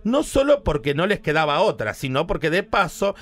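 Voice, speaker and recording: Flamboyant Rioplatense man, lively pitch. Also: normal speed. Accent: Rioplatense Spanish. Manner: flamboyant, theatrical, jumps into shrieking character voices. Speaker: radio comedian. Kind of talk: comic retelling of a Bible story.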